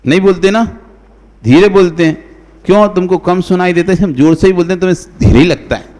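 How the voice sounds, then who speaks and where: A monk with a high, slightly mellow voice speaks fairly quickly in a big-sounding room. His devotional sermon is conversational, posing rhetorical questions to listeners and calling on them by name.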